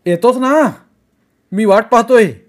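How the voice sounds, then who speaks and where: A man reading a story aloud, voicing a loud, impatient man who barks orders over the phone. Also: very high voice, slow pace, voice pushed up. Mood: commanding. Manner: loud, commanding, shouting. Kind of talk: audiobook character reading.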